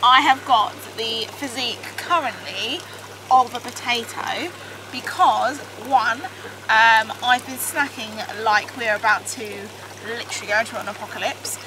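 A woman's voice: fairly high pitch, measured pace, background noise. A young woman vlogging, chatty and self-mocking, talking to a close-held camera. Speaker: vlogger, mum. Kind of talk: casual chat. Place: in a garden hot tub, outdoors.

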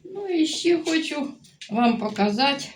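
Older ukrainian grandma rambling on in a home vlog, chatty, mixes languages. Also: female voice, sits high, expressive, normal speed, slight background noise. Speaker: vlogger grandmother. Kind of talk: casual home vlog chat.

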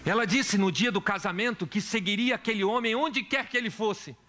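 A man's voice: sits high, brisk, bright, forceful tone, a little hiss or hum. A man preaching a sermon in church as pastor, asking the congregation questions and telling stories. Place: church hall.

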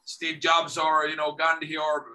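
Speaking at a measured pace with a fairly high voice, a middle-aged man from Finland takes part in a casual video-call interview from his home office. He is lively and often repeats words as he begins a sentence.

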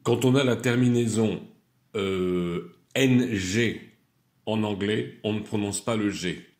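A man teaching, reciting irregular verb forms slowly and deliberately, then explaining them in a calmer, lower tone. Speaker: English teacher.

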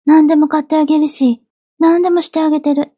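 A woman playing a possessive yandere girlfriend in a soft, breathy ASMR role-play, obsessively loving, clingy and sweetly menacing. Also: high voice, level tone, fast, no echo, studio quality, natural voice. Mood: obsessive, insistent. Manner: yandere: obsessively loving, soft, pleading turning coldly threatening.

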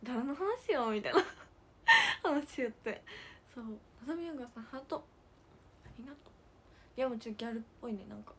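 A young woman with a hosting a casual livestream. She chats and giggles, reads out fan comments, and drops to soft near-whispers to thank viewers. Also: fairly high pitch, quick pace, pauses often, a little hiss or hum. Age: young adult. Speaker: idol livestream host.

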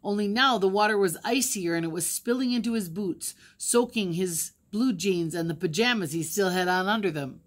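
An older woman reading a novel aloud, stopping now and then to explain the pictures. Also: mid-range voice. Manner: plain, pauses to explain pictures. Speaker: storybook reader.

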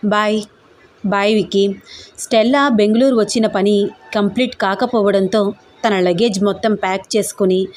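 A woman narrates an audio story in an even, steady storytelling voice. Her pitch sits in the middle range. The pacing follows the story plainly, with no extra drama in the narration.

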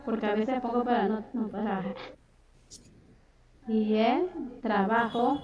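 A woman with a high voice and an Ecuadorian coastal accent, gently dictating words to young pupils and calling them "my love". The audio is roomy and muffled, like a laptop mic on a video call, with kids chattering in the background. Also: steady tone, slow pace, a crowd in the background. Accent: Ecuadorian coastal Spanish. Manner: affectionate, calls pupils "mi amor" and "mi vida". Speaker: third-grade teacher. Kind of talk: online class dictation. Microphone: computer mic on a video call. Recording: echoey, distant, dull video-call audio with children talking.

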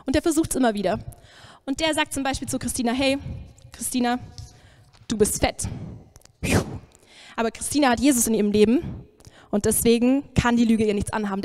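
A woman preacher giving a lively sermon, emphatic and swinging between loud and soft. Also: fairly high pitch.

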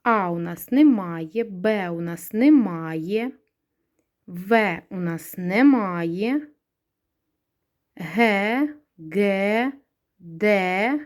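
A woman's voice: mid-range voice, expressive, very slow, long pauses. A woman teacher with a Ukrainian accent giving a recorded grammar lesson to young pupils, patiently asking questions and answering them herself. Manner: patient, asks questions and answers them herself, stretches words to stress syllables. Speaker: primary school teacher.

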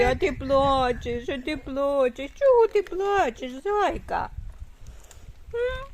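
An older woman from Ukraine vlogging outdoors, cooing in sing-song baby talk to a toddler and a dog. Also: sits high. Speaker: vlogger great-grandmother. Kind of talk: home vlog, talking to a toddler and a dog. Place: outdoors in a windy yard. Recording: loud wind and outdoor noise.

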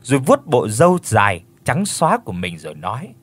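A man narrating a ghost story in an expressive, dramatic storyteller style. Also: mid-range voice, a little fast, husky, no echo.

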